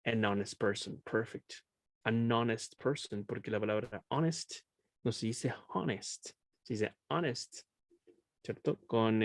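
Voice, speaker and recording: An English teacher with a fairly low voice holds a class over video call. He's patient, frequently checks comprehension, and alternates between two languages. The audio is studio quality and echo-free.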